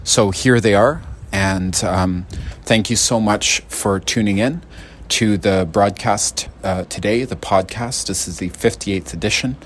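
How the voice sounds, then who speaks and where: Low-voiced male radio host, hesitant. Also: unhurried, a little hiss or hum. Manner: hesitant, many fillers. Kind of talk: hosted radio introduction.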